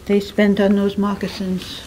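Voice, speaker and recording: A woman giving an informal museum tour as guide, calm and explanatory, pausing to find her words. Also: medium pitch. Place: inside a small museum. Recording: noisy on-location recording, varying distance from mic.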